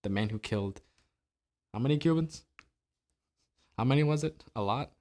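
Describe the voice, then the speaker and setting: A man's voice: mid-range voice, expressive, normal speed, darkish tone. A man from New Jersey hosting a solo political commentary podcast, talking in a sarcastic, opinionated way with rhetorical questions. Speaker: podcast host.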